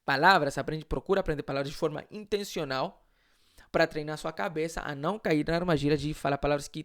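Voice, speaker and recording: A man from Chile with a Chilean Spanish accent, a Spanish teacher giving a live online lesson in a conversational way, often adding tag questions and answering his own rhetorical questions. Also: on the high side.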